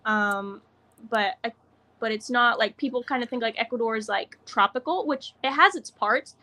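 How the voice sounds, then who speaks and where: A woman's voice: fairly high pitch, moderate pace, bright, forceful tone. A young woman being interviewed as a guest, giggly and rambling, with lots of fillers. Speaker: guest, racer. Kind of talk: casual interview.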